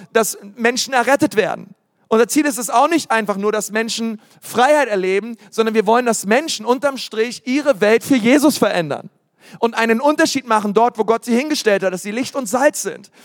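A man delivers a sermon in a casual, energetic way, scattering fillers and English words. His voice sits high for a man. The church hall adds a long, ringing reverb. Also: fairly quick. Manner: lively preaching, mimics congregants in put-on voices; casual, many fillers and anglicisms. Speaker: pastor.

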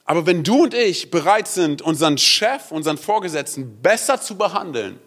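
Guy preaching in church, chatty and lively, keeps saying hey, fairly high voice. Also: moderate pace. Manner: lively, conversational, peppered with "hey" and "oder?". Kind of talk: sermon.

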